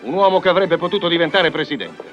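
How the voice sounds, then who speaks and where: A commanding newsreel boss from an old dubbed movie played by a man, highish and very animated in pitch. He is emphatic and insistent as he gives orders, on a dull, lo-fi film soundtrack. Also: fast talker, faint music behind, close to an everyday voice. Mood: intense, pondering. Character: commanding male newsreel editor giving orders to his reporter.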